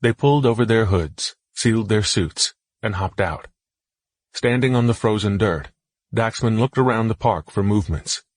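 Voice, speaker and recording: In a steady, measured way, a man narrates a fantasy audiobook from a script. His low voice has a slight huskiness, and the recording is close and dry, with no room sound and no echo.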